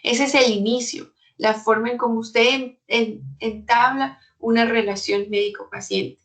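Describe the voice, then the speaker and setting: A woman's voice: on the high side, fairly even intonation, measured pace, far from the mic, poor audio. A woman internist teaching medical students in an online lecture, acting out bits of doctor and patient dialogue.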